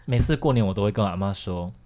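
Speaking rapid-fire in a fairly low, mellow voice, a young man with a Taiwanese Mandarin accent tells a personal story on a chat show. He's candid and rambling, often restarting and laughing.

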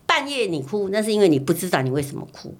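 A woman's voice: medium pitch, quick pace. A middle-aged mother, chatting casually and repeating words as she tells a story. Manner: animated storytelling, repeats words, acts out her own past lines. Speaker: mother recalling her child's infancy. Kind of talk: casual family chat.

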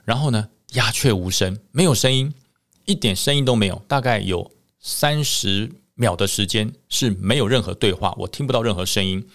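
Gravelly storyteller man. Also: fairly low pitch. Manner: lively retelling with many drawn-out fillers. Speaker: storyteller, former army officer. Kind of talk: podcast storytelling.

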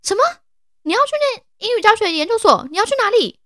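A woman's voice: a little high, big pitch swings, moderate pace, a bit bright, no echo, studio quality, pitched above the performer's own voice. A woman putting on the voice of a startled male professor who stammers in disbelief. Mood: astonished. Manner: stammering, incredulous.

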